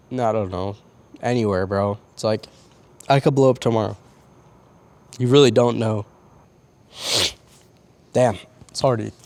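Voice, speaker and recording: A young man talks into his camera outdoors on a rooftop in the middle of the night. His speech is halting and full of false starts, laced with casual swearing, and he sounds close to tears. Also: mid-range voice, darkish tone. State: tearing up. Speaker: vlogger. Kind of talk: late-night confessional vlog. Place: on a roof outdoors.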